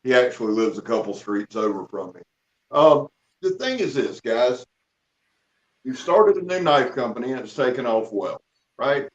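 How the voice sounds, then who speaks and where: A man's voice: medium pitch, animated, moderate pace. A man co-hosting a live stream in a casual, chatty style. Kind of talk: casual chat. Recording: dull lo-fi, roomy echo.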